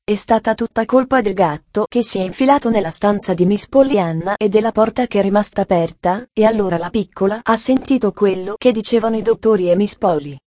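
Respectful young maid near tears voiced by a woman, soft mellow tone, dry close recording. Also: mid-range voice, fairly quick, few pauses, no room sound, lightly acted. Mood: distressed. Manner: respectful, tearful, apologetic. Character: young housemaid, respectful and upset.

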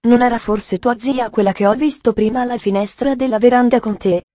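A woman reading as a gentle, hesitant doctor. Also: on the high side, a little fast, no echo, lightly acted. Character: gentle, serious country doctor, male. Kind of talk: audiobook reading.

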